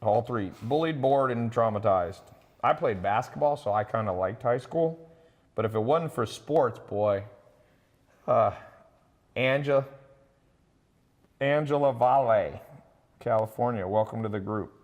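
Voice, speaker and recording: A man's voice: medium pitch, unhurried, pauses often, darkish tone, in a large hall, muffled recording. A man hosting a live online sales talk, chatting casually, boasting and reading out viewers' names. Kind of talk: casual live-stream pitch.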